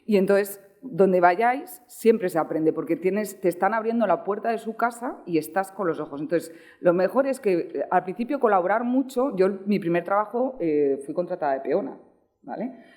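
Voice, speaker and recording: A woman's voice: mid-range voice, expressive, moderate pace, darkish tone. Chatty woman giving a lecture. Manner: conversational, frequent checking "¿vale?". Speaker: guest lecturer. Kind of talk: lecture with audience Q&A.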